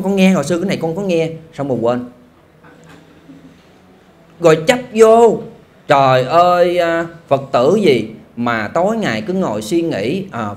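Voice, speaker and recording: Animated monk preaching. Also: male voice, fairly high pitch. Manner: animated, folksy storytelling with exclamations. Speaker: monk giving a Dharma talk. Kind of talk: sermon.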